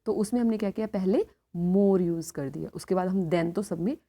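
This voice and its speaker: A woman teacher explaining a grammar lesson, asking questions and answering them herself, reading rules out slowly. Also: lowish voice, warm tone. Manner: asks questions and answers them herself, calls students beta; reads rules slowly and clearly. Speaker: school teacher. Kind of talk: classroom grammar lesson in Hindi-English mix.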